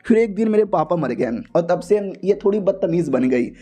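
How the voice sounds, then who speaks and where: A man's voice: high-pitched, lively intonation, moderate pace, mellow, slightly rough. A man narrating a comic book recap in a slangy, chatty, joking way. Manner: slangy, chatty, laughs along. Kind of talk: casual comic storytelling.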